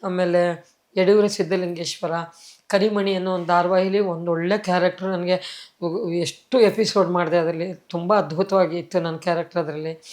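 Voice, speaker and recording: A woman's voice: on the low side, darkish tone. A middle-aged actress, telling her life story emotionally in an interview and acting out what others said. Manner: tearful storytelling, acts out quoted dialogue.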